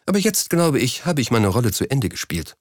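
A man reading an audiobook, voicing a cool, sharp-tongued young woman with a detached, sarcastic manner. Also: rumbling low, very animated, brisk, dry recording, studio quality, heavily acted.

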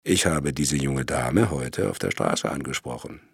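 A man voicing a cynical male twin who has come back to blackmail his brother, speaking low with a mocking drawl. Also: big pitch swings, unhurried, creaky, breathy edge, no room sound, clean studio sound, exaggerated voice. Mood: sly.

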